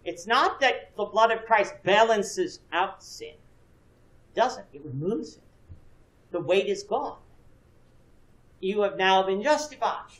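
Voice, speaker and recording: Teaching a church Bible class, a man in his thirties explains earnestly and asks students questions in a classroom with a projection screen. His high-pitched, a-bit-bright voice is animated yet slow with long pauses, and a distant camera with no visible mic makes the room sound echoey.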